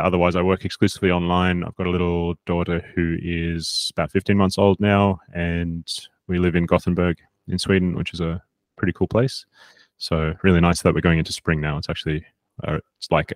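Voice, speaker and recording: A man's voice: low-pitched, flat delivery, brisk, no echo. A man in his thirties, born in South Africa and raised in Australia, talking casually as a fitness coach guest. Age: 30s. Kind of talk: casual interview.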